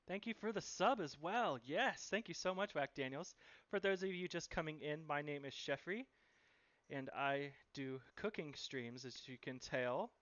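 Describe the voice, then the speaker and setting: A man's voice: a little high, normal speed, fairly bright tone, no room sound, highs cut off. A man running a live cooking stream, chatting and cheerfully thanking viewers as he cooks.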